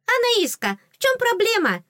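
A woman voicing a small, cheeky female tooth fairy with a squeaky, teasing, excitable voice in an audiobook. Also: moderate pace, dry recording, studio quality, exaggerated voice. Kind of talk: audiobook character voice.

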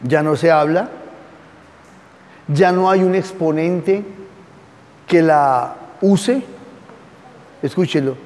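Man, Bible class lecture, high-pitched, questions the audience, reads aloud from notes. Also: slow pace, pauses often, darkish tone, in a large hall. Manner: conversational, asks the audience questions. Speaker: Bible teacher.

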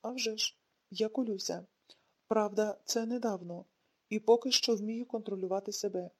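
A woman's voice: medium pitch, steady tone, normal speed, close to an everyday voice. Woman voicing a bitter, sarcastic young woman.

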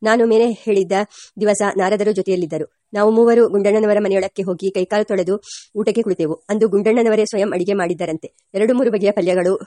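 Woman reading a memoir, mellow and dry. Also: mid-range voice, dry recording. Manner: steady, unhurried reading with small restarts. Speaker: audiobook reader.

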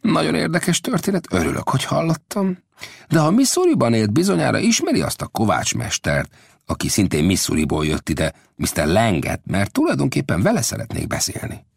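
A man voicing a calm, self-assured old male frontier scout in an audiobook, with mocking ease. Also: mid-range voice, creaky, husky, no echo, clean studio sound, voice pushed up, heavily acted. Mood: calm wry. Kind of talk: audiobook character voice.

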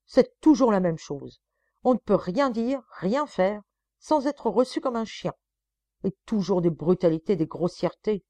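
A woman's voice: medium pitch, lively intonation, a little slow, mellow, no echo, natural voice. A woman voicing a stammering, henpecked husband who coaxes his wife, recorded close and dry. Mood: exasperated. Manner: coaxing, stammering. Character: pleading henpecked husband, stammering, then exasperated.

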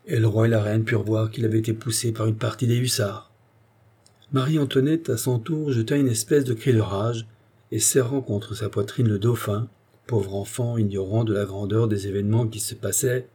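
A man narrating a classic novel as an audiobook, with expressive, theatrical delivery. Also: fairly low pitch, husky.

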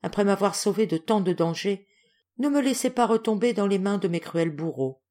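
A man's voice: high voice, animated, normal speed, darkish tone. A woman reading aloud as a starving, exhausted man who pleads in a weak, faltering voice. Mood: despairing. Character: starving exhausted stranger, a lost prince.

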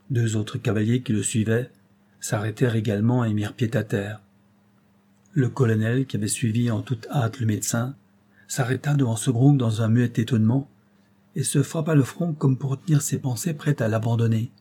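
A man narrating a classic tale in a measured, expressive reading voice. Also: medium pitch, husky. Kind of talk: scripted audiobook narration.

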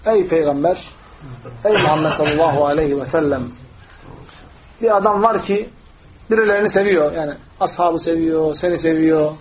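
A man teaching a religious lesson, explaining hadiths with lively storytelling and acting out the voices he quotes. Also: a little high, moderate pace, long pauses.

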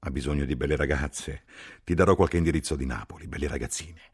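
A man voicing a boisterous army captain who teases loudly and speaks in slow, broken phrases. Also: a bass voice, husky, heavily acted. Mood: jovial. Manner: loud, teasing, slow broken speech.

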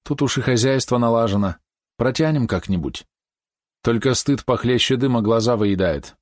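A man's voice: medium pitch, lively intonation, moderate pace, dry recording, studio quality, voice pushed up, natural voice. A man reading aloud, voicing a grieving mother who answers with bitter sighs. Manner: sighing, bitter.

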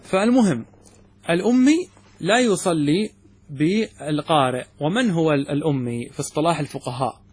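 A man teaching religious law, explaining a text step by step and often asking his students whether it is clear. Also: a little high, normal speed, pauses often, a little mellow. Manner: poses questions then answers them. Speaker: sheikh teaching Islamic jurisprudence. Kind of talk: classroom commentary on a text.

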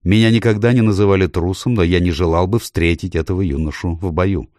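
A man's voice: sits low, fairly even intonation, brisk, darkish tone, dry recording, clean studio sound, lightly acted. A man reading an audiobook, voicing a cautious, scheming nobleman who speaks in a wheedling, conspiratorial way. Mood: deferential.

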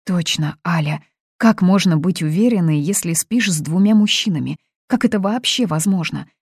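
A woman's voice: normal speed, darkish tone, husky, no room sound, clean studio sound. A woman reading aloud, voicing a young woman who is crying and pleading in distress. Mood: anxious. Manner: pleading, high-strung. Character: young woman, sobbing, desperate bride-to-be. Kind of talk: audiobook reading.

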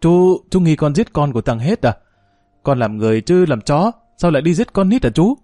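A man's voice: big pitch swings, a little fast, warm tone, echoey room, long reverb tail, faint music behind. A man voicing a defensive, sly village man hiding a crime. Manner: defensive, evasive, higher-pitched when protesting.

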